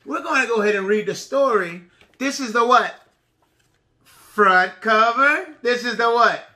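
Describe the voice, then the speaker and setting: A woman's voice: a little high, sharp tone. A woman teaching pre-kindergarten, reading aloud to young children and asking simple questions, with emphatic enunciation of key words. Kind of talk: read-aloud lesson for small children.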